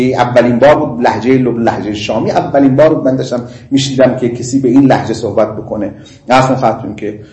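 A man's voice: medium pitch, darkish tone. A middle-aged man teaching a class on Islamic law. He repeats his points, asks whether students follow, slips in Arabic legal phrases and chats with them. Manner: mixes in Arabic legal phrases, chatty asides and laughter. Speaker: seminary teacher. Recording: roomy classroom echo.

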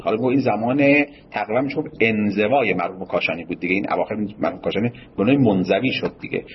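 A husky-voiced male cleric lectures on jurisprudence in a loose, storytelling way, full of formal courtesies. The recording is dull and lo-fi. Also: mid-range voice. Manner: discursive, tells stories and laughs, polite formal phrases. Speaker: cleric teaching Islamic jurisprudence. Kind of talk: seminary lecture with anecdotes.

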